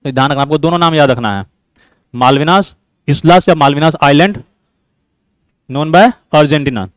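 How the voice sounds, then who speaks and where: A man's voice: on the high side, normal speed, a bit bright, clean tone, no room sound. A man teaching an exam-prep class, explaining points over and over and quizzing his students. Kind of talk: classroom lecture mixing Hindi and English.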